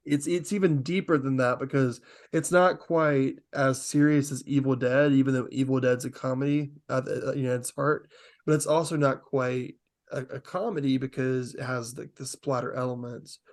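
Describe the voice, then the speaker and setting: A man's voice: mid-range voice, steady tone, moderate pace. A man hosting a podcast in casual chat, talking in an enthusiastic, rambling way. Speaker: podcast host.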